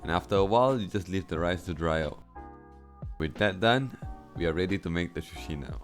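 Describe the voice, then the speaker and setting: A man's voice: low-pitched, brisk, soft background music. A man giving a chatty voice-over for his cooking vlog, explaining each step. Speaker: cooking vlogger. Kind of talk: casual voice-over narration. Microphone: voice-over recorded separately from the footage.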